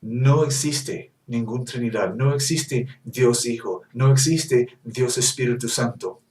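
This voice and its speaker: Male preacher, insistent and repetitive, unhurried, recorded at a distance. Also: medium pitch, a little mellow. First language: English. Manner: emphatic and insistent, repeats key points. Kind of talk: Bible teaching sermon. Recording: roomy echo, mic at a distance.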